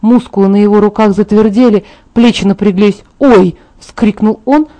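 Woman reader for first-person fiction; steady, warm, medium pitch. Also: normal speed. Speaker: audiobook reader. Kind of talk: first-person novel narration.

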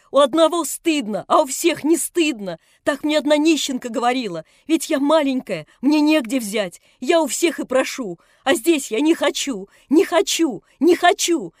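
A woman reading an audiobook, voicing a distraught young girl who shouts defiantly through tears. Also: no echo, studio quality, lightly acted. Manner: shrill, tearful, defiant outbursts.

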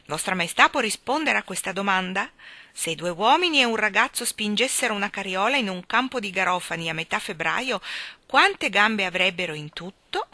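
A woman putting on a bearded old professor who poses riddles in a measured, businesslike way. Her voice is bright and sharp, recorded dry and close. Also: mid-range voice, animated, dry recording. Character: wise bearded old male chief professor.

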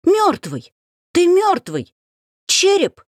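A woman's voice: sing-song, moderate pace, dry recording, clean studio sound. Shrieking terrified young woman, as a woman reader plays her. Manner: shrill, shrieking. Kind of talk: audiobook character acting.

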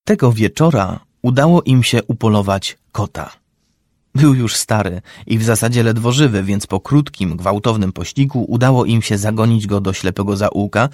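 Man, low voice, dry close sound, measured story reading, light character voices. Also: darkish tone, no echo. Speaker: narrator. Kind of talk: audiobook-style story reading.

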